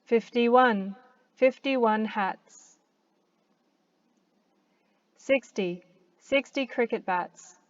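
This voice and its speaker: A woman with an Australian accent slowly demonstrates pronunciation, pausing carefully after each word. Her voice sits fairly high, and the recording is somewhat dull and lo-fi. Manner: slow deliberate word-by-word pronunciation with long pauses. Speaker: English accent teacher. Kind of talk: slow demonstration of counting aloud.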